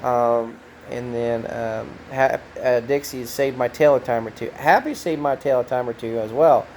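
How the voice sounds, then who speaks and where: Man, middle-aged, halting heartfelt vlog delivery at a mid pitch. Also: a little hiss or hum, rough recording. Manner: soft-spoken, halting, many ums and restarts. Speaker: trucker vlogger. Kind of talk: casual heartfelt talk to camera.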